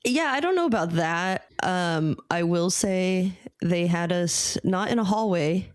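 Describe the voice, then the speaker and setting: Woman on a podcast, low voice, dry close mic, calm and thoughtful. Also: no room sound. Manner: measured, thoughtful, lots of fillers. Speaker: podcast co-host. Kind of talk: casual podcast chat.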